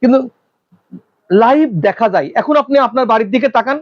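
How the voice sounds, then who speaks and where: Male teacher, high-pitched, quizzing a classroom, muffled lo-fi recording. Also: lively intonation. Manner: quizzing the class with rapid questions. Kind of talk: classroom lecture.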